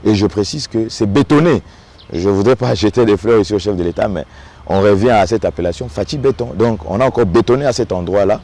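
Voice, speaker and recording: A man's voice: lowish voice, dark tone. Congolese man giving earnest commentary. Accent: Congolese French. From Democratic Republic of the Congo. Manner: earnest, measured, repeats words while searching. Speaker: local notable interviewed. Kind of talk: on-site interview, political commentary.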